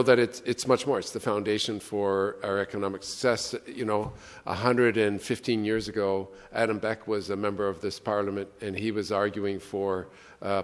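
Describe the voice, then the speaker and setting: A man from Ontario questioning presenters at a legislative committee hearing, rambling and conversational with many restarts. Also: lowish voice. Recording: long reverb in a hearing room.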